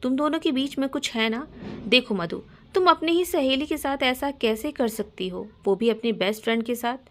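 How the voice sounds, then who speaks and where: A suspicious, jealous young woman with a fairly high voice, sharp and accusing in every line, as a woman storyteller puts her on. She sounds bitter and quick to blame in a storybook reading. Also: expressive, a little hiss or hum. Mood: angry.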